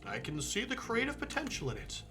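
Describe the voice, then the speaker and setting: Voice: medium pitch, fairly quick, a little hiss or hum. A streamer giving casual, chatty game commentary, rambling and interrupting themselves, with some swearing. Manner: animated, profane, rambling and self-interrupting. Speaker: gaming streamer reading a visual novel aloud.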